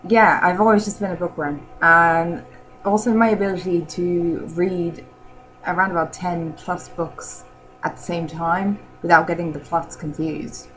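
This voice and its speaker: A woman chatting casually in a rambling vlog, filling pauses with "um" and laughing often. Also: fairly low pitch, fairly even intonation, a bit bright, a little hiss or hum, low-quality recording. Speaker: vlogger answering model-challenge questions. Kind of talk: casual chat.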